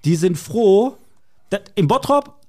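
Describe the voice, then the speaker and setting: A man's voice: sits high, animated, slow pace, mellow. A man co-hosting a podcast in casual chat, teasing and joking. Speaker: podcast co-host.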